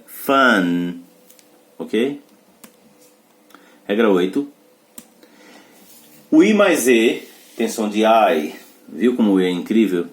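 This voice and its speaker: A man with a medium-pitched, darkish voice works as an English teacher here, leading a pronunciation lesson. He breaks the rules down step by step and uses short questions to confirm his students are keeping up.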